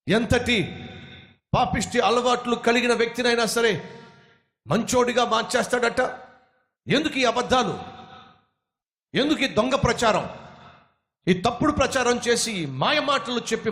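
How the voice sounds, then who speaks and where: A man voicing an angry, loudmouthed man who shouts and scolds while threatening a preacher. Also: very high voice, long reverb tail, voice pushed up, heavily acted.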